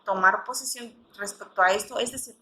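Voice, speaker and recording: A woman's voice: mid-range voice, fairly quick, sharp tone, a little hiss or hum. A woman panelist reading a prepared academic text in a formal way, sometimes stumbling over words. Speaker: panelist, history teacher.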